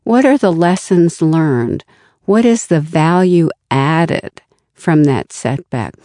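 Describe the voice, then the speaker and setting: A woman answering interview questions in a slow, deliberate way, now and then acting out the voices in one's head. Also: low voice, animated, mellow, no room sound, clean studio sound. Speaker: guest expert.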